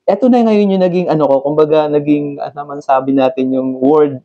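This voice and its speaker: A man's voice: fairly high pitch, steady tone, fairly quick, no echo, lo-fi sound. A man, a wellness coach, chatting casually on a podcast and telling personal stories with light laughs. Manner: storytelling, lightly laughing, rhetorical asides.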